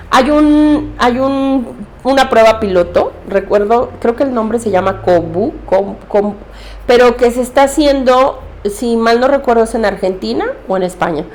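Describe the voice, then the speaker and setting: Female therapist, slightly high pitch, earnest coaching delivery. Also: darkish tone. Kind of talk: advice talk on emotions.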